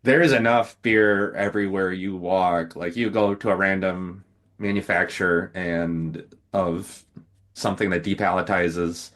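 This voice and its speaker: A man speaking haltingly as a guest in a casual podcast discussion. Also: low-pitched, fairly even intonation, fairly bright tone.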